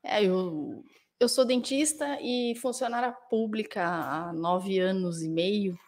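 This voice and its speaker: Mulher brasileira falando com calma. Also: female voice, medium pitch, slow pace. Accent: Brazilian Portuguese. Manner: thoughtful, with many restarts and tag questions. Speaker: guest, dentist and author. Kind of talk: casual interview answers.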